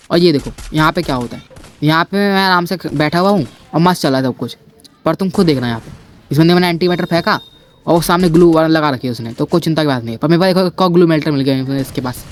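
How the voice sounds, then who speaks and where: A man's voice: on the high side, slight background noise. A man giving casual, chatty voice-over commentary on his own shooter match, playful and self-mocking, talking straight to his viewers. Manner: chatty, keeps addressing viewers as brother. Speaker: gameplay commentator.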